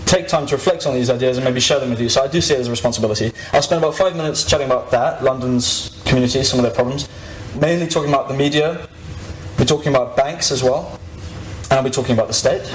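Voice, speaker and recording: A man's voice: mid-range voice, fast, roomy sound, poor audio. A 21-year-old man giving an informal, reflective podium speech to an audience, with some hesitancy. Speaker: activist giving a talk. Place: live event stage before an audience.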